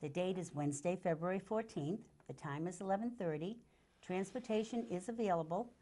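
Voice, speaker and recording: Older woman, somewhat low pitch, community co-host, conversational announcement delivery. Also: brisk, mellow. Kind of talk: casual chat and reading announcements.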